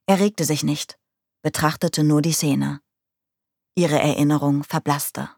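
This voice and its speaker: A woman reading a crime novel aloud in a calm, measured narrating voice. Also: deep voice, vocal fry, breathy edge, no echo, studio quality.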